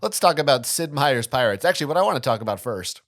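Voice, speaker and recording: A man's voice: medium pitch, animated, fast talker, fairly bright tone. A man co-hosting a video game podcast, reading a scripted intro and then joking around in casual chat. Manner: playful, jokey banter. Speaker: podcast co-host.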